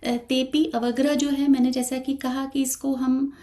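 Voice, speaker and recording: Woman chanting teacher, unhurried, careful with every letter, warm high voice. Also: flat delivery. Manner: slow, careful explanation with frequent hesitations; switches between talk and slow sung chanting. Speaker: Sanskrit recitation teacher. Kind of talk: online chanting lesson.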